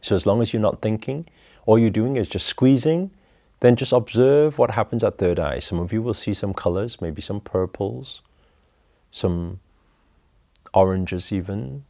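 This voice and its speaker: A man leading a guided breathing meditation, talking slowly and calmly through each step. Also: fairly low pitch, creaky. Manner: slow, calm, instructive.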